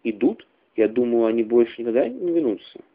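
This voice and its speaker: A man's voice: medium pitch, very animated, fairly quick. A man voicing a troubled, suspicious young man in a radio reading, brooding and moody. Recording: tinny phone-like radio recording.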